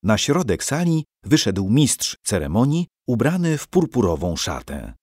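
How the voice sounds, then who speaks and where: Mężczyzna czytający opowieść, barwnie i ekspresyjnie. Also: male voice, mid-range voice, a little slow, slightly rough, no room sound, clean studio sound. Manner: lively, expressive storytelling. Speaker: audiobook narrator. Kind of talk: scripted story narration.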